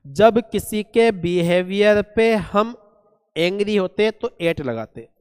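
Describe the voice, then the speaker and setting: A man teaching a classroom vocabulary lesson, asking questions and answering them himself, spelling words letter by letter and reading English examples very slowly. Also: high voice, animated, a little mellow, smooth, long reverb tail. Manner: asks and answers his own questions, calls students "beta".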